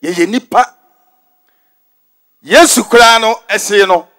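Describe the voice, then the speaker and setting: A man with a Ghanaian accent preaches in a high voice, hammering his points through repetition. He drops English phrases into his sermon in a large stadium. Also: slow, fairly bright tone. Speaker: prophet preaching.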